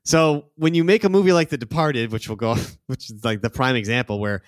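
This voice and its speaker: A man's voice: mid-range voice, fairly quick, dry recording, clean studio sound. A man hosting a podcast in casual chat, opinionated and heavy on fillers. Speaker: podcast host.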